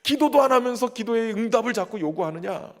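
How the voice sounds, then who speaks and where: Male pastor, high-pitched, emphatic sermon delivery, recorded in a reverberant church sanctuary. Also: animated, brisk. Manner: earnest, emphatic preaching that often addresses the congregation directly.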